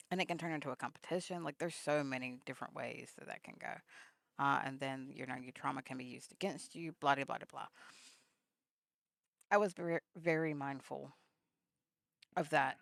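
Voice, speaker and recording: A woman's voice: very deep voice, fairly even intonation, moderate pace, gravelly, long pauses, no echo. A woman vlogger telling a story in a casual, rambling way, full of fillers, acting out remembered text exchanges. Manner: rambling, many fillers, acts out remembered texts.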